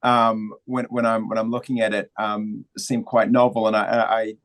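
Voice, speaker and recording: Low-voiced New Zealand man, reflective. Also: level tone, moderate pace, poor audio. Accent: New Zealand, slightly Australian or American. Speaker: guest. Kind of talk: interview conversation.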